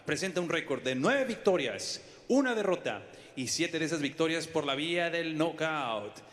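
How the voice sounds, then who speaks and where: A man introducing boxers as a ring announcer, his voice bright and a touch high. He drags out the names for show, and a long arena reverb trails after each phrase. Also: animated. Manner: booming, drawn-out name calls.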